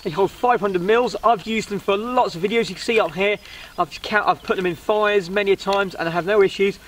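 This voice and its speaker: Brisk and a bit bright, a man with a high-pitched voice rambles through a casual product review of budget camping gear, hesitating as he goes. He's outdoors on a wooden riverside deck, with the camera a couple of metres away and clear background noise around him.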